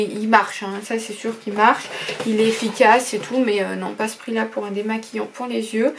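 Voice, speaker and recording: Woman, beauty vlogger, casual review chat, rambling with fillers, informal, slightly high voice, faint background noise. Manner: rambling, full of "euh" and "voilà" fillers; frank and informal, with slang.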